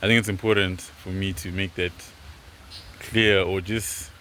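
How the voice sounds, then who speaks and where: A man's voice: deep voice, flat delivery, measured pace, bright, forceful tone, rough recording. A man in his twenties from Zimbabwe, talking casually and earnestly to camera, rambling with lots of fillers. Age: 20s. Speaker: vlogger. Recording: noticeable background noise, rain.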